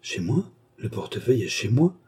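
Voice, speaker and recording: A man's voice: fairly low pitch, sing-song, normal speed, creaky, darkish tone, slightly rough, exaggerated voice. Man voicing a desperate young courtesan. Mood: terrified. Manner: pleading, breaking into cries. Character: young woman, a frightened courtesan.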